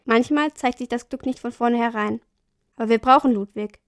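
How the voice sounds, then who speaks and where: A woman reading a soft-spoken, firm mother. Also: fairly high pitch, moderate pace, close to an everyday voice. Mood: gentle. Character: gentle, firm young mother.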